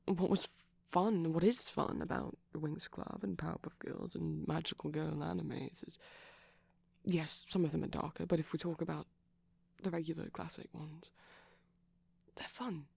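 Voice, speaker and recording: With no echo on the recording, a man voices a shy and gentle vampire in a soft ASMR boyfriend roleplay. He rambles in a halting, breathy manner that often turns to a whisper, his pitch on the high side and his intonation fairly even.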